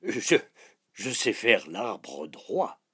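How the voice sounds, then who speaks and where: A man's voice: on the low side, very animated, very slow, breathy edge, full character voice. A man doing a proud, bossy little king. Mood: boastful. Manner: proud and commanding, often shouting. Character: boastful, childlike little king.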